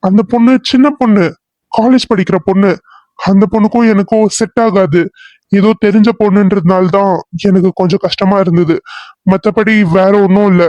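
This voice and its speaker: A man's voice: sits high, fairly even intonation, darkish tone, no echo, lo-fi sound, close to an everyday voice. A man doing a tearful young cop. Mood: denying. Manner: halting, denying his feelings. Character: heartbroken young male police officer. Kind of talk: cartoon serial voice acting.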